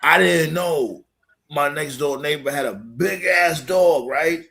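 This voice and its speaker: Animated, profane storytelling man. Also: a little high, takes it slowly, creaky. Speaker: podcast co-host. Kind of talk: casual chat.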